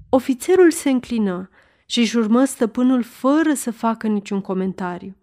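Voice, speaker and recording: A woman narrating a historical novel as an audiobook, with steady, measured storytelling. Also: on the high side.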